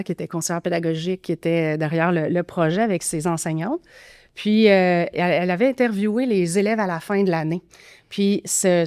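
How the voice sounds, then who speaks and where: A woman's voice: lowish voice, darkish tone, no echo, studio quality. A woman with a Québécois accent explaining teaching methods as a podcast guest, thoughtful with frequent fillers and restarts. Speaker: grammar teaching expert guest.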